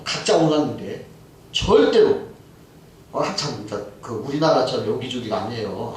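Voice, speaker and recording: A man preaching in a church, his voice rising and falling a lot as he acts out the people in his story. His pitch sits a little high for a man, and the sound comes from some distance, with a strong echo around it and faint noise behind. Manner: lively storytelling, acting out quoted voices. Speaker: pastor. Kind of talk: sermon. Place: church sanctuary.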